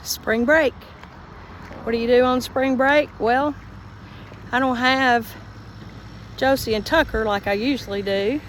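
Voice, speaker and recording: A woman's voice: fairly high pitch, steady tone, measured pace, pauses often. A middle-aged woman filming on a handheld phone outdoors, explaining things casually in a plain-spoken, folksy way. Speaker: farm vlogger. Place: outdoors in a farmyard. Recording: outdoor handheld recording with background noise.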